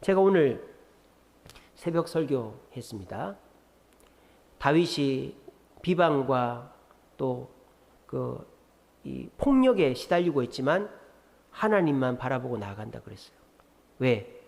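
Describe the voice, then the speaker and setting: A man pastor preaching a Friday prayer-meeting sermon, lively and expressive, acting out quoted lines. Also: medium pitch, takes it slowly, vocal fry, pauses often. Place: church sanctuary. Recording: reverberant church hall.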